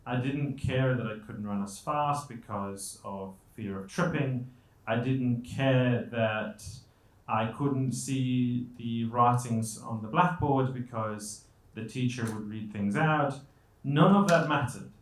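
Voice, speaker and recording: Slow and medium-pitched, this Colombian guest speaker delivers a motivational talk in a conversational style, poking fun at himself and posing rhetorical questions. He's on an indoor event stage, recorded in an echoey room.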